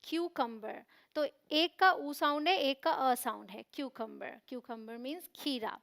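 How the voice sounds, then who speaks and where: A young woman teaching English vocabulary to camera, asking quiz questions and repeating each word slowly. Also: high-pitched, lively intonation, gravelly, fairly bright tone. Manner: slow repeated pronunciation drills with quiz questions.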